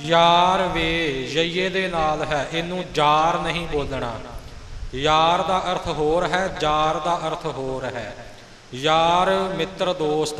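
A man gently corrects a student's recitation, explaining how words should be pronounced. His voice sits slightly high and sounds calm and instructive. The room is echoey, with a long reverb tail. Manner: patient, instructive. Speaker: recitation teacher. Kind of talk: correcting pronunciation.

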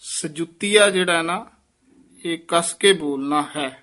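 A man teaching scripture recitation. He chants each verse slowly and deliberately, then explains in plain speech where to pause. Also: on the high side, sharp tone. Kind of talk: recitation lesson.

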